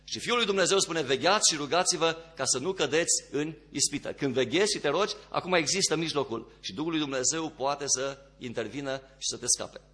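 A man delivers a sermon in a bright, fairly high voice. He moves between hushed, lower stretches and rising, emphatic peaks. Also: hardly any pauses. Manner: swings between quiet low passages and rising emphatic ones. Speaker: preacher.

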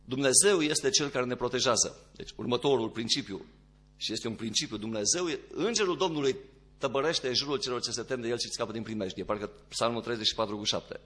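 A man preaching a sermon, dropping to quiet low passages and rising into emphatic, louder ones.

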